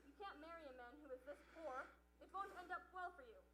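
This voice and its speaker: A woman's voice: high voice, fast talker, bright, forceful tone, rough recording. A woman playing a haughty, scolding, rich old aunt in an amateur period drama, bossy and imperious. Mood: scornful. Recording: clear background noise with hum.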